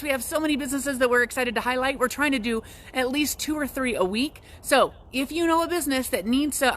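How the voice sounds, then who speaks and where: A woman's voice: high-pitched, a bit bright. A young woman hosting a local business video, chatty and upbeat, talking casually as she walks and visits. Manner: chatty and upbeat, with frequent restarts. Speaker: real estate agent hosting a local business show. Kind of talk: casual live video walk-and-talk.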